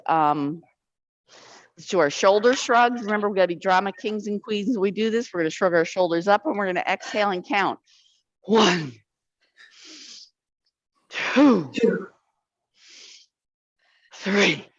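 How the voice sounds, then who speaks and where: A woman's voice: lowish voice, no echo, lo-fi sound. A woman instructor leading an arthritis exercise class, counting reps aloud and encouraging the group.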